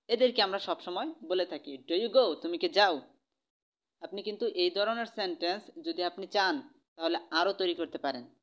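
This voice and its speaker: A man's voice: high-pitched, fairly bright tone, dull audio. Man teaching spoken English. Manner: switches between Bengali and English, repeating each example sentence in both; patient, repetitive teaching. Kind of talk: online language lesson.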